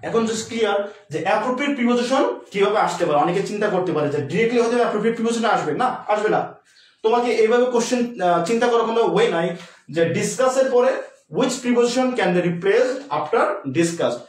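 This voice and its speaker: A man tutoring live for an admission exam, talking quickly and informally to his students. His voice sits high, and he sounds a little away from the microphone in a room with a roomy echo. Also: recorded from a distance. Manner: addresses students informally, mixes English terms into Bengali. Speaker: admission test English tutor. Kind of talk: live online class, explaining exam questions. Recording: roomy echo, voice a bit off-mic.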